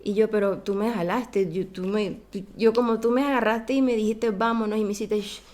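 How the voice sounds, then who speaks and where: A woman guest on a podcast, telling a childhood story in a casual, animated way and acting out the voices of the people in it. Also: mid-range voice, moderate pace.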